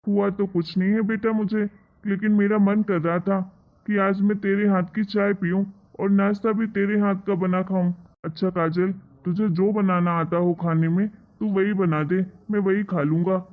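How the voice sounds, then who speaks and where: Woman playing a father, gentle, coaxing, affectionate, mid pitch, cartoon story. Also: fairly even intonation, moderate pace, narrow, tinny audio, close to an everyday voice. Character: gentle older father, coaxing his daughter.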